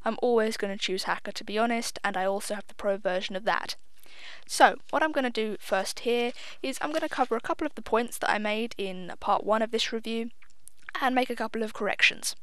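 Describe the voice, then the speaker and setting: Brisk and a little high, this young woman's voice carries no room sound as she chats casually over gameplay for her video. She jokes at her own expense, curses offhandedly, and confesses to sounding slightly nervous.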